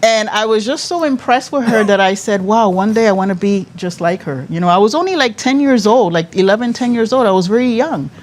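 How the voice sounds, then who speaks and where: Speaking at a fairly quick clip with few pauses, this mid-range female voice belongs to a pageant director in her fifties who was born in Cuba. As an interview guest telling her life story, she's animated, laughs a lot, and keeps starting her sentences over.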